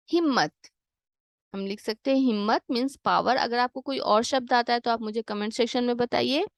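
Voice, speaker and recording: A woman with a somewhat high voice walks young learners through a worksheet. She is patient, poses a question, then supplies the answer herself. She slips English meanings in as she goes, recorded close and dry. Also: no echo. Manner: mixes English glosses into her explanations. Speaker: Hindi teacher for children. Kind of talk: worksheet lesson voice-over.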